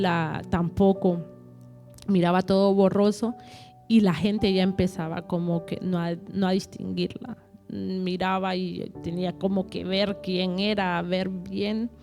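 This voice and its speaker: In an interview, a woman shares a personal testimony in a lowish, dark-toned voice. She speaks haltingly, repeating words and acting out what other people said.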